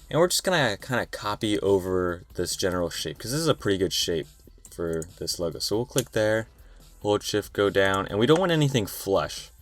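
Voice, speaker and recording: A young man hosting a screen-recorded design tutorial, talking in a tired, relaxed, rambling way. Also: deep voice. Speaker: tutorial host.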